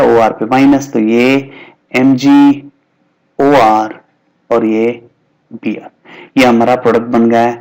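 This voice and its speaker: A man's voice: medium pitch, a little mellow. Male chemistry teacher, mix. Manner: repeats key terms, asks and answers his own questions. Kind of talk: explaining at a whiteboard.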